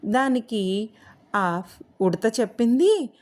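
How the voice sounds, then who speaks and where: A woman telling a moral story to children, addressing them directly in a slow, caring way. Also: on the high side, very animated, a little mellow. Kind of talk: moral story read aloud for kids.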